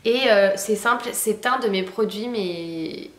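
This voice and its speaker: A woman's voice: medium pitch, unhurried, reverberant. A young woman chatting casually about beauty products she has used up, with lots of hesitations and fillers. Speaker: beauty vlogger. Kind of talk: casual product review chat.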